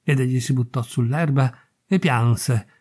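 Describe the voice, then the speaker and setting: A man narrating a classic fairy tale in a measured, expressive reading. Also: medium pitch, slightly rough. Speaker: narrator and reader. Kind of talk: literary audiobook reading.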